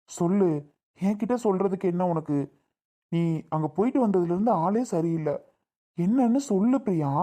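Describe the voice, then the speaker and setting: Woman playing a low, dark-voiced husband. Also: natural voice. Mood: insistent, concerned. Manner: insistent, scolding, repeats demands. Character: blunt, protective husband. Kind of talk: family drama skit.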